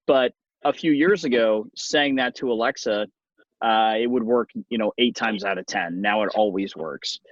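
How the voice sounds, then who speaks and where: Casting: middle-aged Californian-accented man, ordinary mid pitch, wry and rambling conversational delivery, close dry sound, slightly muffled. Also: normal speed, no room sound. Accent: Californian American. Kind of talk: casual conversational talk.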